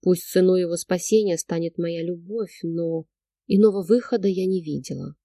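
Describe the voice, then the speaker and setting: A woman reading a novel aloud as first-person narrator, in a measured, emotional storytelling manner. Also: lowish voice, warm tone, dry recording, clean studio sound. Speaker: audiobook narrator.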